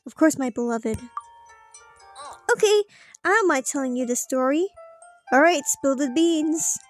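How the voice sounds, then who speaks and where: A woman's voice: high voice, lively intonation, unhurried, faint music behind. A woman playing through a story game, reading the dialogue aloud theatrically with casual asides. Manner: theatrical, acting out character lines. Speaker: let's play streamer.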